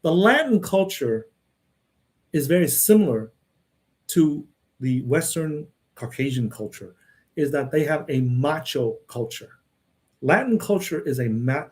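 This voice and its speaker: Fairly high-pitched and slightly mellow, this Texas-raised man talks loosely and at length in response to viewer questions. He often repeats himself and tacks "right?" and "okay?" onto his lines.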